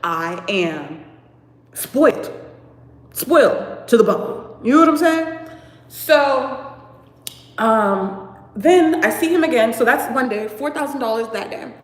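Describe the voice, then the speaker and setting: A woman's voice: on the high side, slow pace, pauses often. Chatty young woman in an echoey room. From Boston, USA. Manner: chatty and animated, many fillers and laughs. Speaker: vlogger. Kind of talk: casual storytime.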